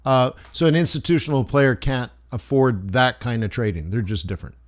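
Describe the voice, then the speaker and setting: A man's voice: mid-range voice, brisk. Rambling, chummy male livestream host. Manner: rambling, loose and chummy, many restarts. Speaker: forex trader hosting a live stream. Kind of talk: casual livestream chat answering viewers.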